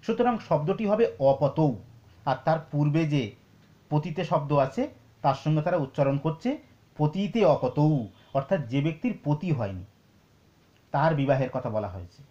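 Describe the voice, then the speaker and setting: A man teaching Sanskrit scripture, explaining slowly and reciting verses. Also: fairly high pitch, expressive, warm tone, muffled recording. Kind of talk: lecture on scripture.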